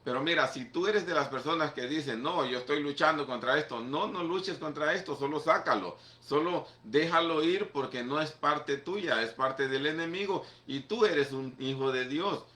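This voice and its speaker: A pastor delivers his sermon in a bright, forceful voice, talking plainly and emphatically to his listeners. The sound rings around an echoey church hall, giving every phrase a roomy tail. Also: fairly high pitch, normal speed, hardly any pauses. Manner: conversational, emphatic preaching with repeated "mira" and "¿ok?".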